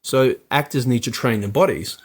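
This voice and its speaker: A man, talking casually as an interview guest, animated and full of fillers. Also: medium pitch, moderate pace, slightly rough. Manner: animated, many fillers, acts out quoted lines. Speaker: actor and producer guest.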